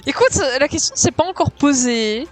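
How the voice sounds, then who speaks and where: A woman's voice: high-pitched, animated, normal speed, soft background music. A young woman playing a game with a friend, chatting playfully and poking fun at herself. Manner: playful, self-mocking. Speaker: co-streamer. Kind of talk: casual gaming chat.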